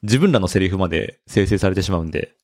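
A man's voice: low voice, lively intonation, fast talker, darkish tone, no room sound, clean studio sound. A man co-hosting a podcast, explaining things eagerly in casual chat and laughing often. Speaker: podcast co-host.

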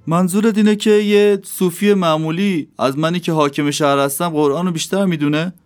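Audiobook role: a proud, stern judge, put on by a male reader, raised pitch, sharp threats. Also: steady tone, soft background music, close to an everyday voice. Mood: indignant, warning.

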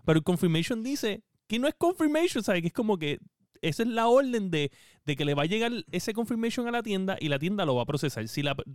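A man telling a story in a casual gaming chat, animated and acting out what people said. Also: sits high, smooth, dry recording, clean studio sound. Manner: animated storyteller, acts out quotes. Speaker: podcast co-host.

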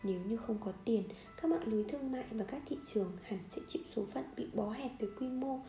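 A woman reading a nonfiction book aloud in a steady, measured way, now and then correcting a slip. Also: a little high, echoey room, soft background music. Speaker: audiobook reader.

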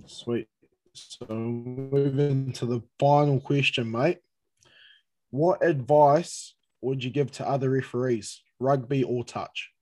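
A man's voice: medium pitch, fairly even intonation, slow pace, warm tone, faint music behind, low-quality recording. A young man of seventeen with a New Zealand accent, asking questions in a casual, chatty interview style.

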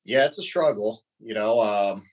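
Low-voiced guy in his 30s, laid-back podcast guest, chuckles here and there. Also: moderate pace, poor audio. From United States. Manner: relaxed, laughs between answers. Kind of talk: casual conversation.

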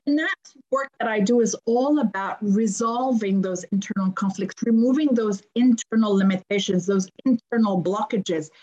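On a podcast, a woman in her fifties with a Lebanese accent, a conflict resolution coach, earnestly explains her work and repeats phrases for emphasis. Her mid-range voice is a little mellow, at a moderate pace, and the audio sounds dull.

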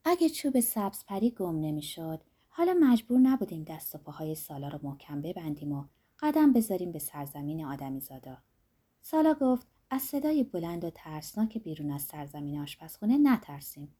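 A woman narrating a fairy tale in a soft, dreamy way, her sentences trailing off quietly. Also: low-pitched, sing-song, slightly rough. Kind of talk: storytelling narration.

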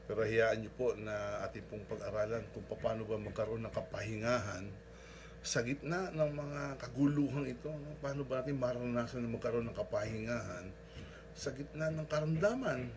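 A pastor preaching a sermon in a polite, earnest way, with frequent rhetorical asides to the congregation. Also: male voice, mid-range voice, normal speed, noisy background.

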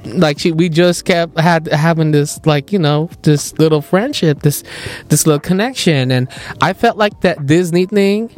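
Animated young man telling stories. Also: on the high side, moderate pace, hardly any pauses, faint music behind. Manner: animated, laughs often, mimics voices while telling stories. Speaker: podcast host. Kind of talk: casual storytelling chat.

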